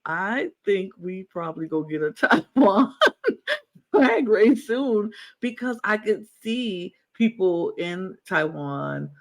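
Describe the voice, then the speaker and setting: A man's voice: high-pitched, animated, takes it slowly, gravelly. A man co-hosting a podcast, chatting casually and enthusiastically, rambling and repeating himself. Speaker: podcast co-host. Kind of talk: casual chat.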